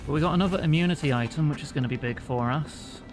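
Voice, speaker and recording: A man streamer with a fairly high voice talks fast, tossing off casual, joking let's-play commentary and thinking aloud as he plays a video game. Game music plays in the background.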